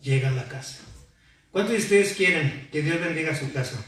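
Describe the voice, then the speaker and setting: The speaker is a male pastor giving a sermon in a church hall, asking questions of the congregation and cueing their answers. His voice is somewhat high, expressive and fairly bright, at a moderate pace. The hall is very echoey and the mic is distant.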